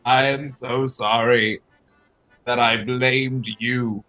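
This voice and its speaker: A man playing a disguised town guard with a shaky stab at a Scottish accent, loudly apologizing in public. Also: mid-range voice, flat delivery, slow, soft background music, low-quality recording. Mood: overwrought. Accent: failed attempt at Scottish. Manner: loud, theatrical public apology. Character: overwrought, tearful disguised male town guard.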